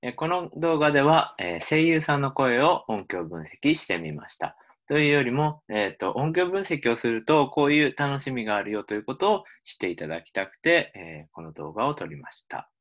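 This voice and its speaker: A man's voice: mid-range voice, sing-song, normal speed, hardly any pauses, fairly bright tone. A man, a university linguistics lecturer, explaining in a recorded lecture with frequent um fillers.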